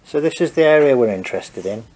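Congested from a head cold, a man casually walks through his car wiring work in a home garage, hesitating and thinking aloud. His mid-range, mellow voice is fast and expressive, and the recording sounds rough.

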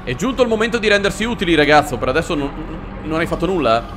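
A man giving excitable, joking commentary while playing a horror video game. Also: fairly high pitch, fast talker, background noise. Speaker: gaming video host. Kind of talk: let's play commentary. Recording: voice over loud game music.

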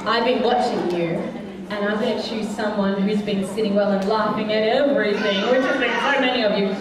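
A woman's voice: medium pitch, fairly quick. A young woman working as a kids party magician and clown, talking to children in a playful, exaggerated way. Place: large indoor hall, performing on a stage area to children. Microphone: distant audience camera. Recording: echoey hall, distant mic, crowd and music. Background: crowd of children and music.

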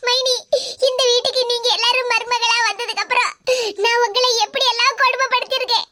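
A woman voicing a remorseful pregnant young woman in an animated cartoon comedy, speaking with a Kanyakumari Tamil accent in a high, squeaky cartoon voice. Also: brisk, background noise. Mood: tearful, remorseful.

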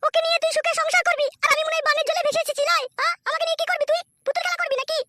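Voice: very high voice, flat delivery, very fast, pushed and bright, no room sound, clean studio sound, exaggerated voice. A performer voicing a furious, betrayed adult wife in a cartoon who scolds and swears at her husband. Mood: bitter.

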